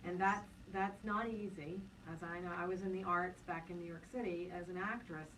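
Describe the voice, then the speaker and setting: A woman hosting a radio interview, chatty and enthusiastic, chiming in with quick reactions. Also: lowish voice, fairly even intonation, a bit bright, recorded from a distance, poor audio. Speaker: radio host. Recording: voice a little off-mic with light noise.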